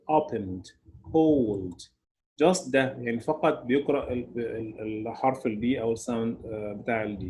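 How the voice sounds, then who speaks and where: A male English teacher walks through past-tense grammar. He says each example slowly and clearly, then explains it quickly in Arabic. His voice sits at an ordinary middle pitch. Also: darkish tone, slight background noise, rough recording. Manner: slow, careful English model phrases, quick Arabic explanations. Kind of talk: bilingual grammar lesson.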